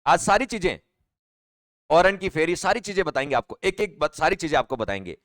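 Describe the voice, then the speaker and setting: A man's voice: on the high side, big pitch swings, brisk, fairly bright tone, dry recording, studio quality. A male teacher giving a live online exam-prep class, chatty and repetitive, often asking his students questions. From Rajasthan, India.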